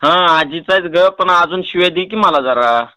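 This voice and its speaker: A prank caller from Tuljapur, Maharashtra, India, with a rural Marathi accent teases and coaxes in a playful, pestering way. His high-pitched voice is pushed, bright, and clean at a normal speed. The phone call is recorded close and dry, with no echo.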